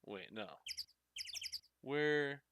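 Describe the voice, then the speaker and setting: A man's voice: mid-range voice, lively intonation, extremely slow, very noisy. A man giving casual commentary as he plays through a video game. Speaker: video game let's player.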